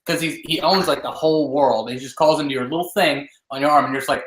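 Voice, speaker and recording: A speaker in a casual podcast chat, recounting game moments with lively, drawn-out phrasing. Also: mid-range voice, roomy sound. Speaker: podcast guest or co-host.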